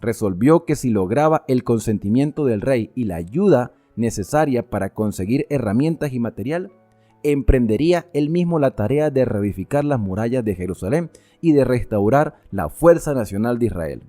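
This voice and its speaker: A man expounds scripture with a warm, mellow voice and a lively, swinging delivery, rising to fervent appeals and dropping to quiet emphasis. Faint music plays softly underneath his teaching. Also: medium pitch, normal speed. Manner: animated, shifts between fervent exhortation and quiet emphasis. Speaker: Bible teacher. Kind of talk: Bible study explanation.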